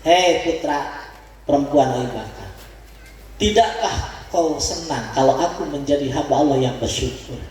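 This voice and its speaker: A man with a Sundanese accent preaches to a gathered congregation, unhurried and drawn out, and keeps pulling them into call-and-response with a chuckle. His voice rings through a large hall with a long, booming reverb. He sounds set back from the microphone, with faint ambience underneath. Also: animated, a little mellow. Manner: leads the crowd in call-and-response, chuckling often. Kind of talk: religious study sermon to a congregation. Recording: echoey hall, voice from far off.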